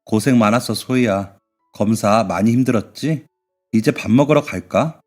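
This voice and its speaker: A man voicing a kind middle-aged stepfather who speaks gently and soothingly, in a radio drama. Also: lowish voice, moderate pace, faint music behind, natural voice. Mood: gentle. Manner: gentle, comforting.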